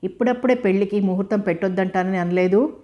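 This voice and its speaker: A woman reading the part of a young male doctor, a quick-tempered and affectionate fiancé, in a storybook. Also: mid-range voice, warm tone, lo-fi sound, lightly acted. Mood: earnest.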